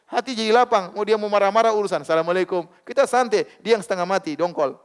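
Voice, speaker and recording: Fast-talking animated male preacher. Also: high voice. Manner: conversational, animated, uses street slang and laughter. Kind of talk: religious lecture.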